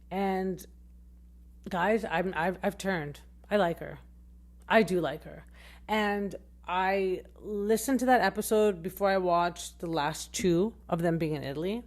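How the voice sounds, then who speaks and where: A woman in her thirties hosts a casual podcast recap. She's very expressive, her voice swinging high and low as she rambles along with fillers and restarts.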